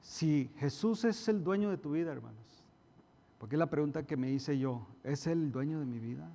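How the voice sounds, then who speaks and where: A man's voice: a little high, animated, normal speed, vocal fry, mellow. Emphatic male pastor in an echoing hall. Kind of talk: sermon. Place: church hall. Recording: reverberant church hall.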